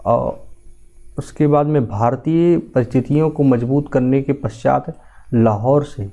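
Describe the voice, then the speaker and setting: Mellow-voiced man teaching exam history. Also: mid-range voice, measured pace. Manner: explanatory, steady, repeats key facts. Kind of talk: exam-prep history lecture.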